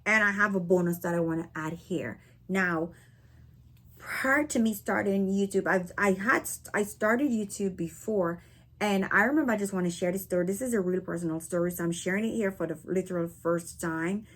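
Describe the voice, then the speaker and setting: Husky Barbadian woman vlogger. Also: mid-range voice, moderate pace, fairly bright tone. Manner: chatty, frequent "right?" and "okay?" tags. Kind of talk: casual talk to camera. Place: living in North America.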